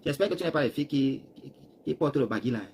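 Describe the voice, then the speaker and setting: A Cameroonian man rambling through a live stream, talking straight to his viewers and swinging between loud bursts and hushed asides while seated. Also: mid-range voice, expressive, fast, a little hiss or hum. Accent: Cameroonian French. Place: seated, chair.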